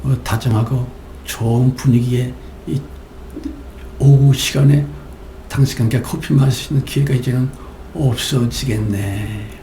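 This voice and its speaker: A male pastor voicing a gentle, coaxing wife who speaks softly and sweetly to her husband, in a sermon. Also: mid-range voice, steady tone, measured pace, echoey room, slight background noise, close to an everyday voice.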